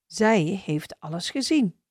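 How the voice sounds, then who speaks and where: A woman's voice: medium pitch, animated, slow, a little mellow, slightly rough, no echo, clean studio sound. A woman voicing a friendly, encouraging female schoolteacher in a children's story.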